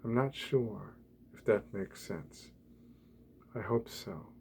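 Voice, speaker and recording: A man speaking softly and quietly as if at night, reading and reflecting in halting, deliberate short phrases, ASMR style. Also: lowish voice. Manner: quiet, hushed night-time talking. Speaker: blogger reading from own blog. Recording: clear background ambient noise.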